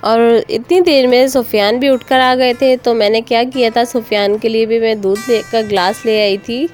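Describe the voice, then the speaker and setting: Woman, Pakistani Urdu accent, vlog voice-over, friendly storyteller, slightly high voice, soft guitar music behind. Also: steady tone, moderate pace. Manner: friendly, storytelling, polite address to viewers. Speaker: vlog host and mother. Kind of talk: voice-over narration. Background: soft acoustic guitar music.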